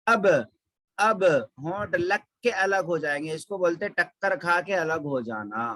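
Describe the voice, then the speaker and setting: A man's voice: sits high, animated, unhurried, fairly bright tone, dry recording, low-quality recording. A man teaching Quran recitation, patiently repeating syllables to show each sound. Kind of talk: slow tajweed lesson with drilled examples.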